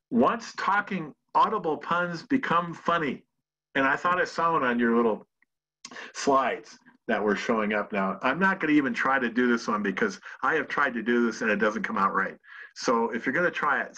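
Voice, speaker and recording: A chatty man giving a relaxed talk to a group, stumbling through restarts and fillers as he goes. His voice is bright but raspy. The recording sounds dull and lo-fi. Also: medium pitch, normal speed. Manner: chatty, self-deprecating, with many fillers and restarts. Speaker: presenter. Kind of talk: casual presentation talk. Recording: dull lo-fi audio.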